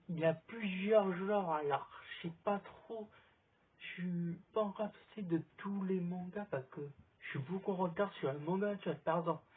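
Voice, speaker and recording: Husky man rambling into a phone. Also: high-pitched. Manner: rambling, chatty recommendations. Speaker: vlogger. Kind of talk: casual chat to camera. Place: outdoors in sunlight. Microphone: phone camera. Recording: thin phone-like sound.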